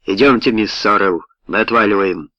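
Brief: gruff bullying ship's mate, read by a man, impatient shouting, muffled dry sound. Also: on the low side, normal speed, no echo. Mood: hurried. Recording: dull, dry lo-fi recording.

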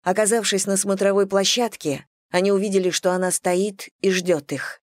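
A woman reading a fantasy story aloud in steady, scripted narration. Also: mid-range voice, moderate pace. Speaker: audiobook narrator.

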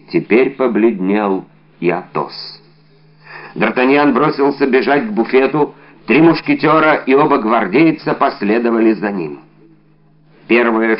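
A man reading an adventure novel aloud in a steady, dramatic narrating voice. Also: lowish voice, lo-fi sound. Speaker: audiobook reader. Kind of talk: scripted narration.

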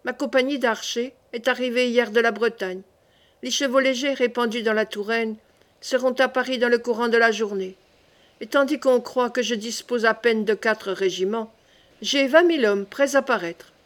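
A woman's voice: a little high, normal speed, natural voice. A woman reading the part of a rash, boastful young king in an audiobook, declaiming in bursts. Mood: confident.

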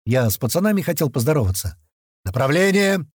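A man narrating a first-person action audiobook, acting out the crew's shouted lines as he reads. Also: fairly high pitch, moderate pace, breathy edge, no room sound, clean studio sound. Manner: lively, voices the gang's shouts in character.

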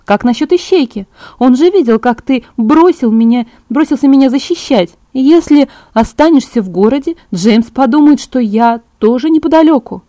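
A woman's voice: high-pitched, expressive, normal speed, warm tone, dry recording, voice pushed up. A woman reading an audiobook, voicing a stubborn, anxious teenage girl who pleads in a raised, urgent voice. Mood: insistent.

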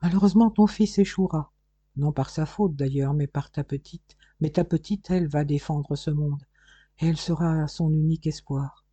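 A man voicing a gentle otherworldly spirit in an audiobook, speaking calmly and solemnly. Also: on the high side, husky, no room sound, lo-fi sound. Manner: calm, solemn prophesying.

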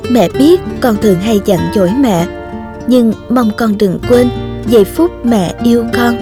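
A woman's voice: a little high, a little slow, over music, close to an everyday voice. A woman voicing a loving young mother writing tender letters to her baby. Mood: gentle. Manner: tender, softly reading out letters.

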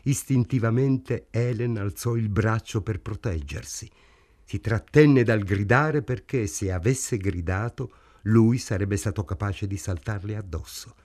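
A man reading a novel aloud in a measured, dramatic narration. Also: lowish voice, darkish tone. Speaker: audiobook reader. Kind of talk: scripted literary narration.

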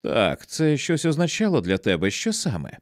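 A frightened wife, sharp-edged and close to tears, as a male reader voices her. Her lines rise a little above the reader's low voice and swing widely in pitch. The sound is dry and close. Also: wildly swooping pitch, moderate pace, dry recording. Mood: pleading. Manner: sharp, tearful, pleading. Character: anxious, angry wife confronting her husband.

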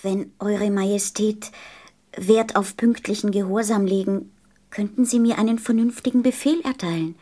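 A woman's voice: medium pitch, steady tone, normal speed, dark tone, natural voice. A woman playing a small, polite and curious boy prince in a German radio play, with an earnest, questioning way of talking. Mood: polite, diplomatic.

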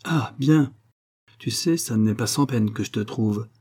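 A male reader voicing an elegant young lady in a storybook reading, chatty and brisk, in quick lively bursts. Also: mid-range voice, close to an everyday voice. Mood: surprised.

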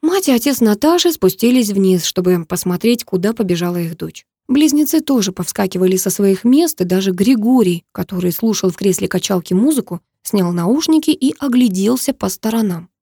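A woman narrating a dramatic first-person audiobook, expressive and emotional, recorded close to the mic. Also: medium pitch, brisk, few pauses, husky, dry recording.

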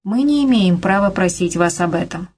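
A woman's voice: mid-range voice, expressive, normal speed, darkish tone, breathy edge. A woman voicing an uneasy male official who speaks cautiously and reluctantly. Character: uneasy male official handling a hostage crisis.

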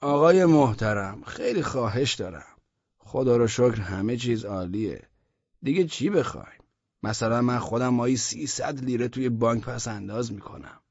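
A man voicing a calm, contented worker in an audiobook, slow and matter-of-fact. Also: medium pitch, slightly rough, dry recording, muffled recording, pitched above the performer's own voice. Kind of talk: audiobook character voice.

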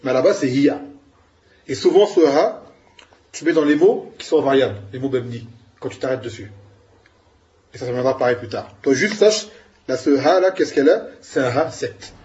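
A man's voice: medium pitch, lively intonation, normal speed, long pauses, a little mellow, highs cut off. A man giving an Arabic grammar lesson, explaining patiently and asking his students questions. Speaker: Arabic teacher.

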